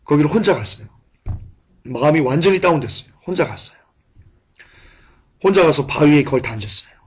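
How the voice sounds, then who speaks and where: A man preaching a sermon and telling a personal testimony, moving between hushed, quiet recollection and loud, passionate outbursts. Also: a little high, lively intonation, brisk, slightly rough. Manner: impassioned, swings from hushed to shouting.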